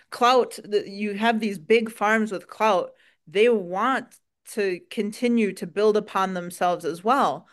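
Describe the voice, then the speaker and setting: A woman with a Wisconsin accent, a dairy farmer answering interview questions in an earnest, folksy way with frequent "um"s. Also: mid-range voice.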